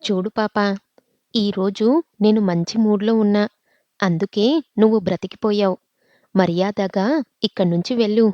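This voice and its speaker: A woman's voice: mid-range voice, unhurried, pauses often, dark tone, no room sound, dull audio, close to an everyday voice. A woman voicing an arrogant rich young man who taunts and threatens. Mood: mocking.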